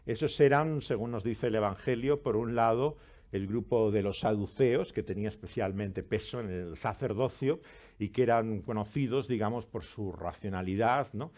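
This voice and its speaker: A man's voice: on the low side, normal speed, a little mellow. A man who reads a scripture passage with dramatic rises and falls, then preaches earnestly as pastor. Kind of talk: scripture reading and sermon.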